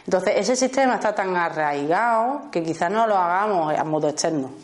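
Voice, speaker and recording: Woman, Spain accent, lowish voice, animated teacher for a small group, acts out quick exchanges. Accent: Spanish from Spain. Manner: lively, often checks in with "¿vale?" and acts out short dialogues. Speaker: workshop teacher.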